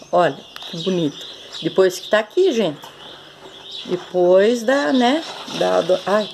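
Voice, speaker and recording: Gravelly-voiced woman chatting to her viewers, fond and talkative, faint hiss behind. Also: medium pitch, a little mellow. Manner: chatty, keeps addressing viewers as "gente", fond exclamations. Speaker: orchid-growing vlogger. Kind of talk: casual show-and-tell vlog.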